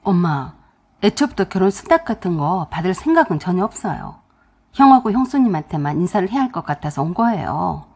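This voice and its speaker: A woman's voice: fairly low pitch, big pitch swings, brisk, darkish tone, breathy edge, voice pushed down, heavily acted. Woman doing a firm, fed-up young man. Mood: exasperated. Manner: firm, exasperated pleading. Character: fed-up younger son standing up to his mother.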